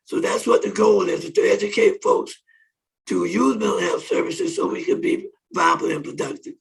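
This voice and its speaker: A hoarse man hosting a conference on online radio, talking haltingly with many pauses and restarts. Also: sits high, recorded from a distance, rough recording. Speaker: conference host. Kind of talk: opening remarks on online radio. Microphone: phone or conference call.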